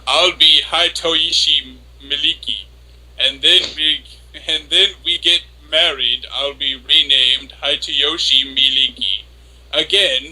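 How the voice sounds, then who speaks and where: Casting: male reader for lovestruck young anime woman, obsessive and flustered; hammy, theatrical dramatic reading, piercingly bright delivery. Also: mid-range voice, heavily acted, poor audio. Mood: eager, devoted. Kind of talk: dramatic reading of an internet post.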